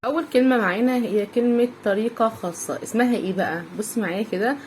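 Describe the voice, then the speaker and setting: A woman's voice: a little high, fast talker, darkish tone, a little hiss or hum. A woman with an Egyptian Arabic accent teaching English vocabulary to young pupils, sounding words out letter by letter and repeating each one several times.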